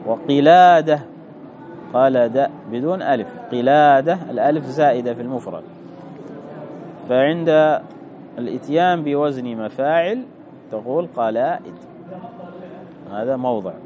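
A man teaching Arabic grammar, reading a text and explaining it slowly, repeating key words and putting questions to the listener. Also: medium pitch, slight background noise.

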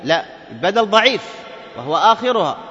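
Recorded in a muffled, reverberant hall, a Quran recitation teacher leads a lesson, asking his class questions, answering them himself and chanting example words. His voice sits high and is sing-song, bright and forceful, and he speaks a little fast.

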